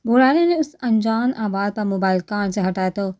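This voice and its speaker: A woman narrating a romantic novel with steady, dramatic storytelling, voicing every character. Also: mid-range voice.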